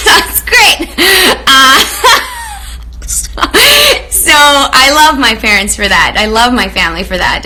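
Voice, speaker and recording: This is a woman from Romania with a mid-range voice, hosting a live-stream chat, and the audio quality is poor. Her manner is effusive, with warm greetings to viewers and frequent fillers.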